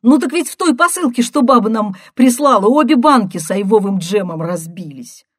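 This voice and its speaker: A woman voicing an excitable young woman who chatters loudly and quickly in a high voice, read in an audiobook. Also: breathy edge, no echo, clean studio sound. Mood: excited. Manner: shrill, breathless and fast.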